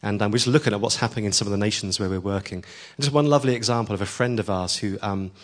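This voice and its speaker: A man's voice: fairly low pitch, very fast. Earnest man preaching a sermon. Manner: earnest and emphatic, rising to stress key lines, with frequent ums.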